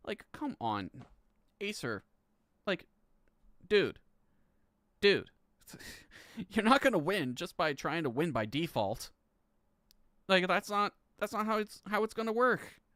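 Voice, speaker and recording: A man's voice: high voice, very animated, slow, long pauses, fairly bright tone, no room sound, studio quality. A man in his thirties chatting casually on a live stream, rambling and swearing, laughing between lines and stumbling as he reads legal text aloud. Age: 30s. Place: home room.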